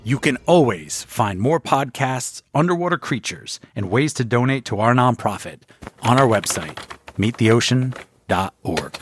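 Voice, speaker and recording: Recording in a home closet with slight background noise, a man hosting a podcast reads a scripted opening before chatting excitedly with his team. He speaks at a normal speed in an animated, medium-pitched voice, is enthusiastic and self-deprecating, and frequently trips over his words.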